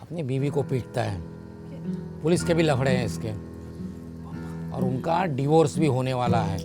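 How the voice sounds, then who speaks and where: A man's voice: medium pitch, moderate pace, over loud music, close to an everyday voice. An actor playing a playful, mischievous older father who teases his family at his own birthday party. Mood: teasing. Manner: teasing, mischievous.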